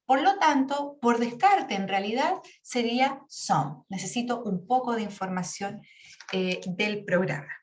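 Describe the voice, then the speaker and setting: A woman teacher walks her students through grammar, patient and methodical, checking often that they follow. Her voice sits a little high and carries a noticeable room echo. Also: animated, measured pace. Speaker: English teacher. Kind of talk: online class explanation.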